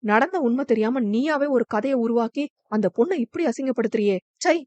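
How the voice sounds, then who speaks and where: A woman's voice: on the high side, moderate pace, dry recording, close to an everyday voice. A woman doing a fierce, outspoken village girl. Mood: indignant. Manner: sharp, indignant. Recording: dull, dry lo-fi recording.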